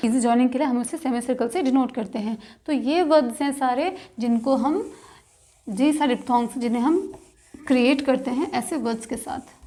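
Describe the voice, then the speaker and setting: Female shorthand tutor with a high voice, patient, step-by-step delivery. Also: a little mellow. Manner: slow, patient, spells out sounds one by one. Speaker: shorthand teacher. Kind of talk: step-by-step instructional lesson.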